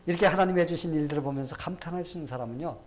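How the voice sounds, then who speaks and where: A man's voice: fairly high pitch, racing. A man preaching a sermon as pastor, emphatic and conversational, often speaking directly to the congregation.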